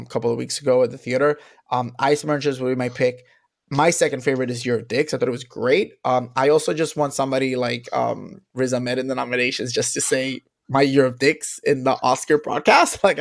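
A man's voice: mid-range voice, a little fast, vocal fry. A man, a guest film reviewer, chatting casually about award picks and laughing easily.

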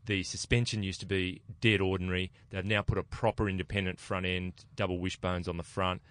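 A man's voice: low-pitched, little pitch movement, brisk, a bit bright, no echo, clean studio sound. A man hosting a casual car chat, steering the conversation and going into technical detail. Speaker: host.

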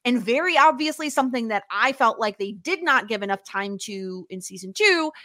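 Brief: woman podcast host, higher pitch, bright and forceful, chatty filler-heavy talk, dry sound. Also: lively intonation, normal speed, no echo. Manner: chatty, full of "like" and "obviously". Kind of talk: casual chat.

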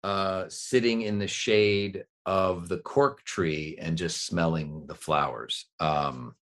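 A middle-aged male voice actor, appearing as an interview guest, rambles slowly in a low, slightly bright voice. His casual chat is self-deprecating and full of fillers and restarts.

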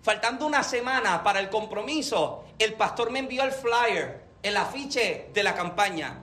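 A man's voice: high-pitched, normal speed, reverberant, a little hiss or hum. A man preaching a sermon, telling a personal story and calling out to the congregation. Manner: animated storytelling, often calls out to the congregation.

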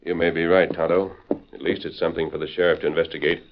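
A man playing a steady, commanding lawman hero in an old radio western, with a measured, authoritative delivery. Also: low voice, lightly acted. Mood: thoughtful, steady. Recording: noisy, muffled old radio recording with clicks.

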